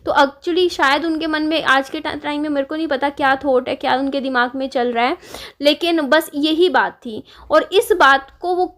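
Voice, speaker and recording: A young woman vlogger telling a painful family story in a halting, upset way, with many restarts. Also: high voice, fairly even intonation, fairly bright tone. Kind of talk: casual confessional vlog.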